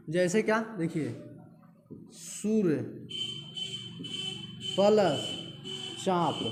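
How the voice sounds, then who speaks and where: Guy teacher with a high voice going over grammar, keeps repeating, echoey room w/ light hiss. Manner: repetitive drilling, asks and answers own questions. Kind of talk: classroom lecture.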